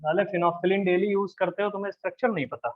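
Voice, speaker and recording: High-voiced male chemistry teacher. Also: fairly even intonation, fast, a little hiss or hum. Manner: chatty, teasing, checks in with students often. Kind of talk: live classroom lecture. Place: classroom with students. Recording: dull lo-fi class recording.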